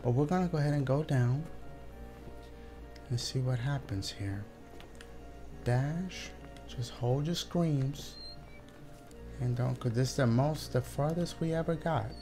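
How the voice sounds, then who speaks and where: A young man streams a horror game, nervous and swearing as he talks casually to his viewers. His voice is gravelly with a lot of fry at a middling pitch, and music plays behind him. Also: a little slow, pauses often. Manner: nervous, scared horror gamer, swearing often. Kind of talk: casual live game commentary, talking to viewers.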